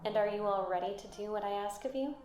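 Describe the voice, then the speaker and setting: A woman voicing an ailing, stern and motherly matriarch in a video game, warm and solemn through a static-laced speaker. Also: medium pitch, fast. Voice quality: warm, tender. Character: ailing motherly mushroom matriarch, tender but commanding. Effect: crackling intercom speaker static. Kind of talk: dramatic video game voice acting. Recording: echoing, staticky intercom sound.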